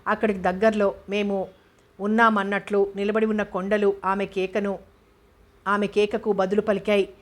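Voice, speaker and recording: Even-voiced female novel narrator. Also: mid-range voice. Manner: even, measured reading. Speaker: audiobook narrator.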